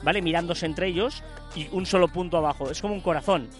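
A man's voice: high voice, fast. Co-host, male, talky explainer, light music bed. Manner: explanatory, frequent "¿vale?" check-ins. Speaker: podcast co-host. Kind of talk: casual podcast chat.

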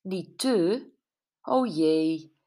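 A woman's voice: fairly low pitch, lively intonation, drawn-out words, warm tone. A woman voicing Brenda, a candid, self-mocking friend, in an audiobook. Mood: wry. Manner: wry, emotional, tearful at times. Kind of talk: audiobook character voice.

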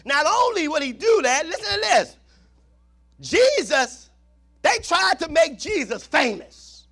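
Pastor, male, 50s; very high, bright gravelly voice, lively sermon delivery that drops from shouts to near whispers. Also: takes it slowly. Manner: swings between shouted preaching and hushed asides.

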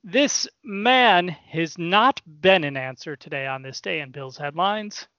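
A man's voice: a little high, a little slow, sharp tone, smooth, no room sound, highs cut off. A man hosting a casual sports podcast, reading out old headlines as quiz clues and teasing the guessers. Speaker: podcast host running a trivia quiz.

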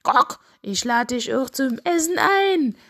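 A woman's voice: sits high, takes it slowly, pitched above the performer's own voice, exaggerated voice. Henry, a woman doing a quacking, eager bird. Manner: quacks between words, excitable. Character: eager fussy young male farmyard bird who quacks.

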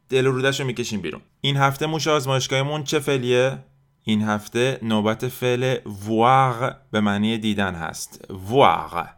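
A man hosting a language lesson podcast as a French teacher, slowly and deliberately drilling phrases for listeners to repeat. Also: mid-range voice, fairly bright tone, smooth.

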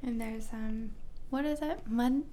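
A woman's voice: on the high side, a little slow, dark tone. A woman joining her husband's podcast as a guest, chatting casually in a hesitant way with lots of fillers. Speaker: guest, host's wife. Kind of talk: casual chat.

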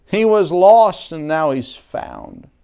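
A man preaching a sermon as a pastor, earnest, with restarts, swinging between loud emphasis and quiet asides. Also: fairly high pitch, sing-song, takes it slowly, gravelly, smooth.

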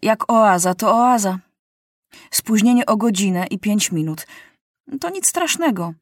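A woman voicing a legless, one-eyed male pilot in a storybook reading, calm and dryly joking. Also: mid-range voice, measured pace, no echo, clean studio sound. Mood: jovial. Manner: deadpan gallows humor.

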